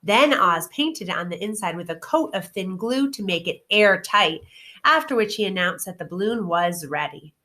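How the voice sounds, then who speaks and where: A woman teacher reading a children's storybook aloud with expressive, clearly phrased narration. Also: mid-range voice, normal speed.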